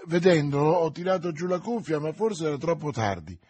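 A man's voice: fairly high pitch, lively intonation, fairly quick, darkish tone, breathy edge. A man voicing a frightened young maid. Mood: fearful. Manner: pleading, anxious. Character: frightened young maidservant woman.

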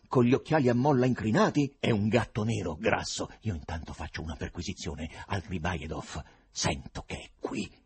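A man voicing a wild young male poet who shouts, rants and mutters in desperation. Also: sits low, slightly rough, heavily acted.

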